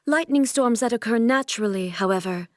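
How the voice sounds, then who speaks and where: As a stern, regal deity ruler in a video game, a woman speaks her scripted lines formally, with a composed, stately, measured delivery and a solemn, commanding mood. Her natural voice is a little high and a little mellow, with lively intonation. It's recorded in studio quality without echo.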